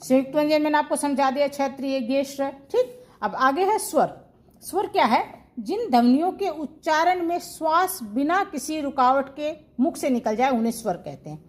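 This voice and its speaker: High-voiced woman teaching Hindi grammar. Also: expressive, moderate pace. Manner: asks questions and answers them herself, repeats key terms. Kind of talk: online classroom lesson.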